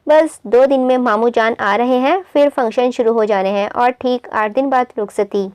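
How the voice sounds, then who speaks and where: A woman voicing a gentle elder sister and young mother. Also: a little high, normal speed, no echo, lightly acted. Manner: gentle, soothing.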